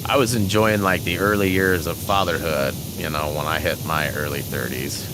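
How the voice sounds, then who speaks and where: A man's voice: a bass voice, fairly even intonation, normal speed, heavy background noise. A man in his forties chatting casually over gameplay as a channel host, rambling with many fillers and frequent chuckles. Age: 40s.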